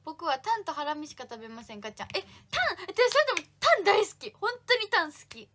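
A woman's voice: very high-pitched, very animated, fairly quick, sharp tone, a little hiss or hum. A young woman hosting a casual livestream, reading fan comments aloud and thanking viewers by name in a bubbly way. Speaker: idol livestream host.

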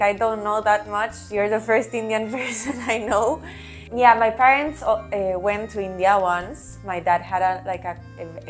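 Young woman from argentina, chatty, lots of fillers, office, lapel mic. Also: medium pitch. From Argentina and Costa Rica. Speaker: interviewee. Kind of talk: casual opinion sharing. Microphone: clip-on lapel mic.

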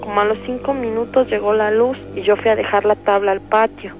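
A woman's voice: medium pitch, steady tone, brisk, soft background music. A young woman with a Mexican accent calling a radio show, pleading and frightened, over a muffled phone line. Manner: pleading, frightened, breaking into cries. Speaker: radio caller.

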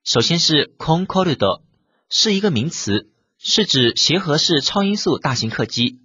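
A man's voice: on the high side, very animated, normal speed, bright, forceful tone, breathy edge, dull audio. A man teaching a vocabulary lesson. He works methodically through example sentences and translates each one. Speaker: language teacher. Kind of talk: vocabulary lesson explaining Japanese words.

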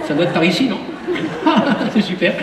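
A high-voiced man works a live comedy hypnosis show, trading teasing jokes with volunteers and dropping into slow, commanding sleep patter. He is heard from far off in a huge arena with long echoing reverb. A murmuring audience sits behind him. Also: animated, a loud crowd, heavy background noise. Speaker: stage hypnotist. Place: large concert arena on stage. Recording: echoey arena sound from far off. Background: audience murmur and laughter.

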